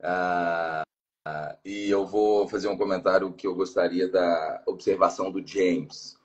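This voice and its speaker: A man from Brazil with a Brazilian Portuguese accent, a guest on a live-stream interview, speaking in a measured, articulate, explanatory way over a video call. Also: low-pitched, fairly even intonation, lo-fi sound. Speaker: guest, former student.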